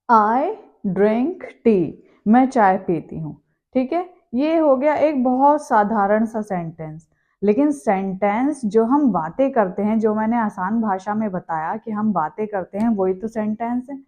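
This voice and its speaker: A woman gives a grammar lesson in a lively classroom manner. Her voice sits a little high. She acts out small everyday quotes as examples. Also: highs cut off. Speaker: teacher.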